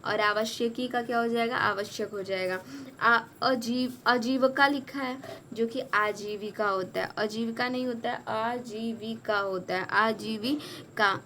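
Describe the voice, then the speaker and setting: A woman tutoring exam students on spelling, going word by word slowly and repeating corrections. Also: on the high side, fairly bright tone, a little hiss or hum. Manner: slow, repetitive, correcting each word. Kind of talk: spelling lesson.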